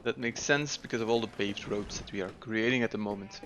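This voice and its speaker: A Dutch-native man muses aloud while playing a game in casual let's-play commentary, unhurried and full of fillers. His voice is on the low side with a fairly bright tone, and faint music plays behind him.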